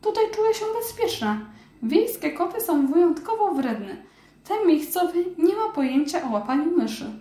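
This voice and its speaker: Viola, a stubborn squeaky little mouse, as a woman reads her. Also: big pitch swings, normal speed, dark tone, echoey room. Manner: high squeaky and firm. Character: small stubborn female singing mouse.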